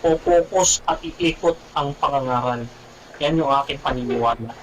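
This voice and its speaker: A man giving an animated personal testimony as a radio guest, often calling the host "bro" and repeating himself. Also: medium pitch, moderate pace, a little hiss or hum, low-quality recording. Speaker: guest telling his conversion story.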